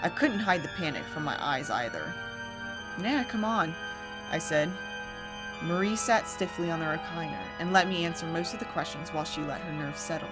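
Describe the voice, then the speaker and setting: A woman with a low voice narrating a horror story as host, in a theatrical, deliberate storytelling manner over music. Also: animated.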